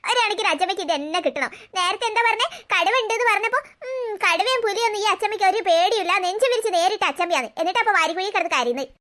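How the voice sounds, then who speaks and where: A woman's voice: very high-pitched, lively intonation, very fast, few pauses, fairly bright tone. A woman voicing a cheeky little girl in a cartoon who mocks her grandmother. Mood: teasing. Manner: teasing, mocking.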